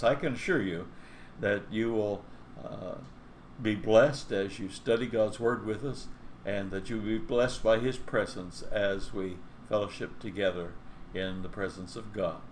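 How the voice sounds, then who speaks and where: A male pastor giving an earnest, measured Bible teaching with occasional hesitations. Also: on the low side, a little hiss or hum, low-quality recording.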